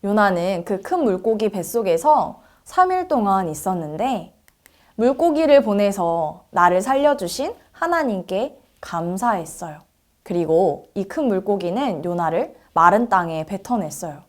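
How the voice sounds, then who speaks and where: A woman's voice: mid-range voice, big pitch swings, unhurried. A woman preacher telling a Bible story to children in a church service, asking them questions and acting out the characters' lines. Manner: asks the children questions, acts out quoted lines.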